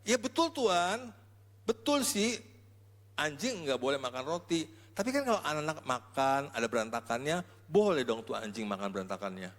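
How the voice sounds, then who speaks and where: A man's voice: sing-song, moderate pace, fairly bright tone. A man voicing a desperate mother who cries out insistently for help for her child. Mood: pleading. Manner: high, insistent, crying out for help. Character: desperate pleading mother, middle-aged woman. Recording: echoey church hall.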